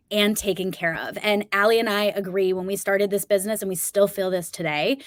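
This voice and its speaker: A woman co-hosts a business-coaching webinar in an earnest, encouraging manner. Her voice sits in the middle range. The recording is dry, with no room echo. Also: mid-range voice. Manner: warm, encouraging, earnest delivery. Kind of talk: live webinar teaching.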